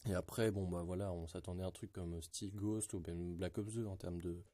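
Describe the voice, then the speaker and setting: Male gaming vlogger, low mellow voice, loose rambling delivery. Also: steady tone, moderate pace, dry recording, studio quality. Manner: rambling, many fillers and restarts. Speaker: gaming YouTuber. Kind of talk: casual gaming commentary.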